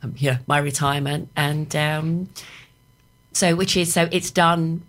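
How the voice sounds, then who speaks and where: A middle-aged woman with a hoarse, croaky voice with creaky starts, chatting casually as a business guest in a radio interview. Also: deep voice, fairly even intonation, measured pace. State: hoarse morning-after voice. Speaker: guest, property business owner.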